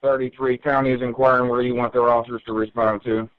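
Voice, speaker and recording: A man's voice: mid-range voice, flat delivery, fast talker, clear, resonant tone, no echo. A male police dispatcher heard over a police radio transmission, reading out units and addresses in clipped, methodical calls. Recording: narrow tinny radio channel, dry.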